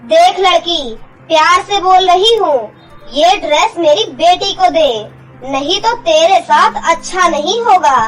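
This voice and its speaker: A woman's voice: extremely high pitch, a little slow, faint music behind, poor audio. A woman voicing a cruel, bossy stepmother in a cartoon story, harsh and threatening. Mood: harsh scolding.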